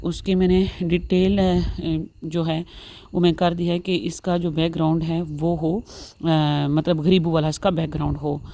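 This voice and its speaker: In a deep, warm voice, a woman hosts a step-by-step tutorial, repeating her instructions and weaving English words into her narration.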